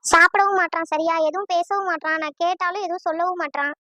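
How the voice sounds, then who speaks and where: A woman's voice: very high voice, fairly even intonation, quick pace, pushed and bright, dry recording. A woman voicing a caring, anxious middle-aged mother who fusses over her son, in a cartoon. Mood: worried. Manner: fussing, anxious. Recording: dull lo-fi dry sound.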